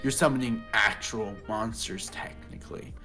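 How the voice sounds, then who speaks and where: A man co-hosting a casual podcast, talking in an animated, opinionated way with many fillers. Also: lowish voice, moderate pace, faint music behind. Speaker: podcast co-host. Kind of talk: casual chat.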